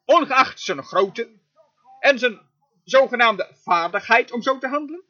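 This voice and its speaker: A man's voice: very high-pitched, lively intonation, measured pace, pushed and bright, muffled recording. A man giving a sermon as a dubbed voice-over, emphatic and full of amens. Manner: emphatic preaching, frequent amens. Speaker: sermon interpreter.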